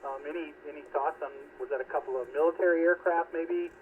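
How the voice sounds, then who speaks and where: A man's voice: fairly high pitch, steady tone, fast talker. Male net caller heard over a radio transmission, thin phone-like band, hesitant and restarting, light static. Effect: heard over a two-way radio transmission. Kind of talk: casual radio check-in. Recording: tinny narrowband radio with faint hiss.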